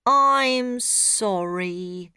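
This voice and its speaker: A woman's voice: a little high, expressive, drawn-out words, a bit bright, dry recording, clean studio sound, voice pushed up, heavily acted. Clunk, a woman voicing a clumsy apologetic robot. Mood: meek. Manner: meek and apologetic. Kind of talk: storybook reading for learners.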